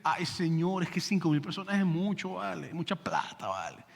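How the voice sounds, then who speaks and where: A man's voice: high-pitched, big pitch swings, moderate pace, gravelly, in a large hall, voice pushed down, exaggerated voice. A man voicing a fretful disciple with a Venezuelan accent who worries about the cost. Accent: Venezuelan Spanish, put on.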